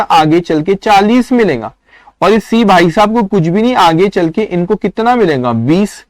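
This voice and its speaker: A man teaching accounting in a recorded lecture, explaining patiently and acting out little scenes in a raised, excited voice. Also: high-pitched, no room sound.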